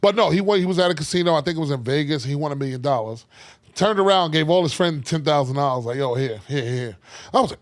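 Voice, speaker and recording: A man's voice: on the high side, rapid-fire. A man co-hosting a podcast in casual chat, laughing often and acting out the people he quotes. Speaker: podcast co-host.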